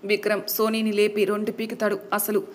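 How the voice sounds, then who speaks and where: A woman's voice: mid-range voice, fairly even intonation, a little fast. A woman storyteller narrating a dramatic family tale.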